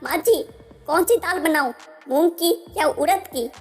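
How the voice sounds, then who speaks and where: Woman narrator doing a young daughter-in-law, polite, sly, high voice, soft music underneath. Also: a little slow. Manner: politely asking questions.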